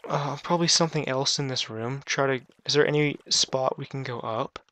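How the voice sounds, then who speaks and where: A man's voice: mid-range voice, fairly quick, bright, forceful tone. A man chatting casually over a let's-play game, flustered at times and dry and offhand. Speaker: gameplay commentator.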